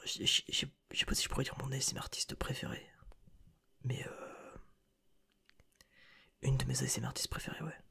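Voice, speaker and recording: Gravelly whispering man in ASMR reaction. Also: medium pitch, pushed and bright. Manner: rambling, slangy, joking asides. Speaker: ASMR creator and streamer.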